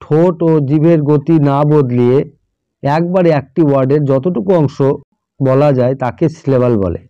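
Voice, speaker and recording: A man's voice: mid-range voice, moderate pace, smooth, no echo. A man explains English grammar to students at a patient pace. He spells words out letter by letter and keeps checking whether they follow. The recording sounds dull and lo-fi, with a dry, close sound. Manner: checks in often with "all right?".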